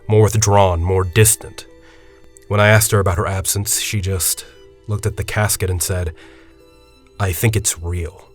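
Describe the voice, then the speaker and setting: In audio drama dialogue and storytelling, a male actor in his 40s plays a secretive 40-year-old university headmaster. His lowish, natural voice is deliberate, articulate and confiding.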